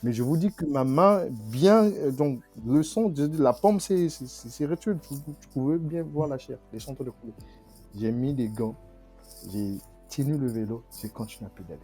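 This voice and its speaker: A young man from the Republic of the Congo, a student guest telling his story in a podcast interview, halting and often repeating himself. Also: medium pitch, dark tone, breathy edge, faint music behind.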